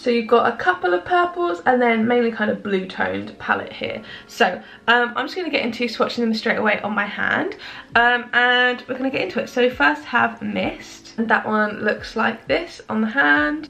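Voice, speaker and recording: A young woman reviews her makeup in a casual evening chat at home, a beauty vlogger who rambles and teases herself. Her voice is slightly high, gravelly and croaky with noticeable fry, and its tone is fairly bright.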